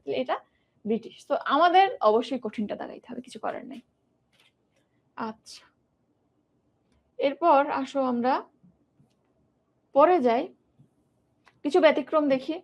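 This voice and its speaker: A young woman teaching an exam-prep grammar lesson, asking the students questions and repeating words in drills. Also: high-pitched.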